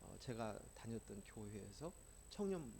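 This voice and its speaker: A man's voice: fairly low pitch, very animated, normal speed, vocal fry, dark tone, slight background noise. A man preaching a sermon, telling a personal testimony in an earnest storytelling way that rises in emphasis. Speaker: pastor.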